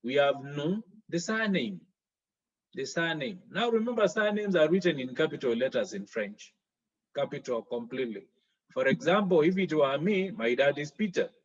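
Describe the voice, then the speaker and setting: A man's voice: a little high, big pitch swings, normal speed, muffled recording. A man teaching a French exam lesson, explaining each step with worked examples.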